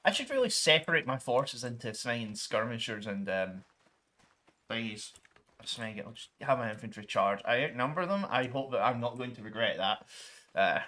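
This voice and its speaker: Male gaming streamer, bright forward voice, chatty and rambling, casual commentary over gameplay. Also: medium pitch, lively intonation, normal speed. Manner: rambling, many ums and restarts, mild swearing substitutes.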